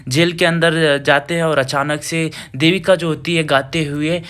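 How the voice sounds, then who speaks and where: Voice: medium pitch, fairly even intonation, a little slow, fairly bright tone. A narrator casually retelling a TV serial's plot, chaining events with repeated linking phrases and hesitant fillers. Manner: hesitant, with fillers and self-corrections. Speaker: recap narrator.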